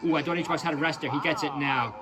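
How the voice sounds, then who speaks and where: A man with a notably high voice commentates fighting game matches for his channel. He calls each play in quick, excitable bursts and keeps breaking into casual chatter aimed straight at his audience. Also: music in the background. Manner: excitable, rapid play-by-play mixed with chatty asides to viewers. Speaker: esports commentator and channel host.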